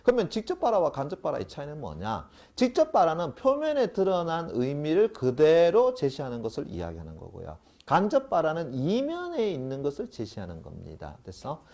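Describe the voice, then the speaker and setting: Middle-aged male grammar teacher, very lively pitch, constantly quizzing the class as he lectures. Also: a little fast, few pauses. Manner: animated, keeps checking understanding with short questions.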